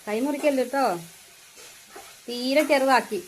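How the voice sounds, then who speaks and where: A woman with a Kerala Malayalam accent talks in a bright, higher voice, teasing and coaxing a little child through a home cooking session. Kitchen clatter and a faint hiss sit behind her. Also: measured pace. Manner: playful, coaxing talk to a small child. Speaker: home cook vlogger. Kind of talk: casual family cooking chat.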